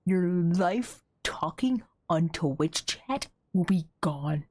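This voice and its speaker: A young woman streamer with a low-pitched voice rants in a theatrical, mock-threatening way while she plays. Her speech swings between quick outbursts and slow, drawn-out teasing. It is recorded close to a desk microphone with a dry, dead sound. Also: animated, darkish tone, dry recording. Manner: playfully dramatic, mock-threatening rants at chat. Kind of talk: gaming livestream commentary.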